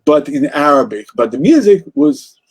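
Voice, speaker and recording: A man's voice: on the high side, big pitch swings, moderate pace, breathy edge. A man with an Israeli accent, speaking as an interview guest about music in a passionate, rambling way with many restarts. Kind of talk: casual interview conversation.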